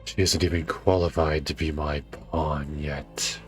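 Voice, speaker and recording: A man voicing an ancient, solemn male wolf lord who speaks slowly and quietly in a low, grave tone. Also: steady tone. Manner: slow, low, grave and hushed. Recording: faint music behind.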